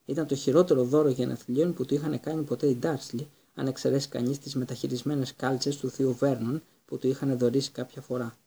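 Guy reading a storybook aloud, gravelly, husky, mellow. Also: medium pitch, flat delivery. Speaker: audiobook narrator. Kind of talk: scripted narration.

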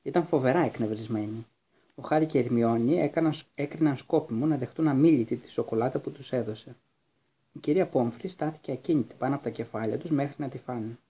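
A man reading a storybook aloud as narrator, in a steady, measured way. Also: medium pitch, slightly rough. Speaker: audiobook reader.

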